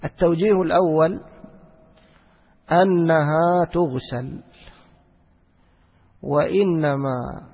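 Male teacher, slightly high and husky, repetitive question-and-answer lecture style, lo-fi hall recording. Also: fairly even intonation. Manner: explains by asking questions and answering them himself; repeats phrases, slows down to recite verses. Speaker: teacher of Quranic exegesis. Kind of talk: religious lesson. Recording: lo-fi recording with long hall reverb.

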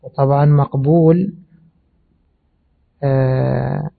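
A man giving a measured religious lesson on hadith, explaining slowly and pausing with fillers. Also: mid-range voice, fairly even intonation, vocal fry. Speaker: hadith teacher. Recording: tinny phone-like audio.

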